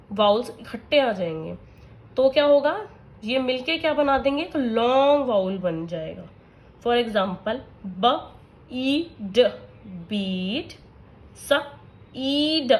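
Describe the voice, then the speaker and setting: A woman, in her thirties, teaching a phonics lesson in mixed with English, sounding words out letter by letter and answering her own questions. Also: a little high.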